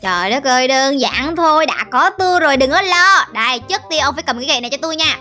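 Brief: playful confident witch girl for a game story, voiced by a woman, lively bright high voice. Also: fast talker, faint music behind. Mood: reassuring. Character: friendly young witch girl, confident and helpful. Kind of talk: Minecraft role-play.

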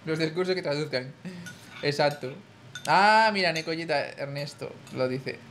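A man's voice: fairly high pitch, normal speed, fairly bright tone, faint music behind. A young man from Spain with a Spanish accent, chatting casually with his viewers on a live stream. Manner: chatty, addresses chat as tío.

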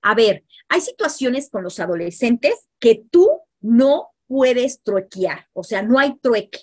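A woman's voice: a little high, slow, breathy edge, no room sound. A middle-aged woman with a Mexican accent, speaking as a psychologist guest in an interview, animatedly explaining to parents. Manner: animated, acts out parents and teens in quoted asides.

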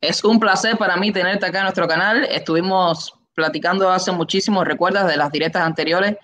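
A man's voice: high voice, steady tone, a little fast, bright, forceful tone. Young man, Cuban accent, show host, enthusiastic, stretched-out announcing, webcam in a room. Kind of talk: live online interview. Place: indoor room. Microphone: webcam, video call.

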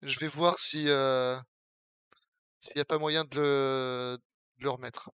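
A man's voice: mid-range voice, level tone, slow, pushed and bright, clear, resonant tone, no room sound. A young man from the Paris region with a Parisian French accent, talking casually as a Twitch streamer while playing a game, joking and answering his chat. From Paris region, France.

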